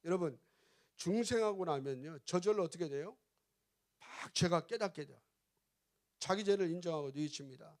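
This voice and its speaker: A middle-aged male pastor preaching emphatically, questioning the congregation and rising to loud exclamations. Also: on the high side, moderate pace, long pauses. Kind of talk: revival sermon.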